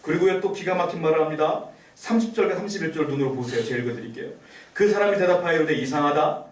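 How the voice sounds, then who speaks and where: Male pastor, high voice, rapid-fire delivery, preaching with rhetorical questions; echoey church hall, mic at a distance. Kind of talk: sermon. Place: church sanctuary. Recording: echoey church room, voice from far off.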